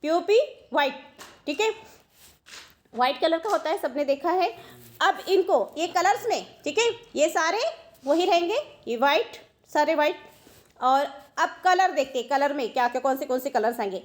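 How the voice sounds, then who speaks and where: A woman's voice: high voice, animated, moderate pace. A woman teacher giving a science lesson, explaining step by step, asking questions and answering them herself. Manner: explains step by step, asks and answers her own questions, mixes English terms. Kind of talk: classroom science lecture.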